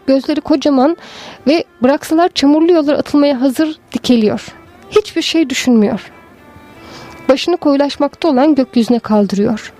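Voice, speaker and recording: A woman giving a slow, measured, lyrical literary narration of a story. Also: high-pitched, mellow. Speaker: story reader.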